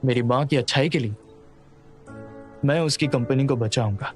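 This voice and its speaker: A man's voice: medium pitch, normal speed, soft background music, lightly acted. A man dubbing a curt, reserved young businessman. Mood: restrained. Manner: curt, restrained, flat. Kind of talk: Hindi dub of a drama.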